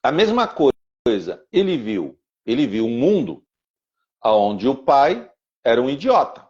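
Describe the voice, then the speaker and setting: A man's voice: medium pitch, sing-song, slow pace, a little mellow. A man teaching on a podcast and telling a personal story, with rhythmic repeated phrases and stammered restarts. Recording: dull lo-fi sound.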